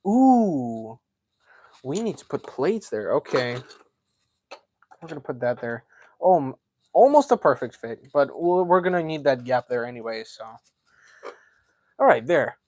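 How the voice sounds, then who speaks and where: Male streamer, talkative and unhurried, narrating his build aloud; mid-pitched voice. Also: sing-song, a little mellow. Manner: chatty, thinks aloud while building, self-described yapper. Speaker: livestream host. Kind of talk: casual live-stream building commentary.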